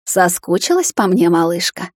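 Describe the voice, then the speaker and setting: A woman's voice: lowish voice, very animated, moderate pace, no room sound, studio quality. A woman voicing a villainous witch mother who taunts and commands in a cold, purring way. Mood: taunting.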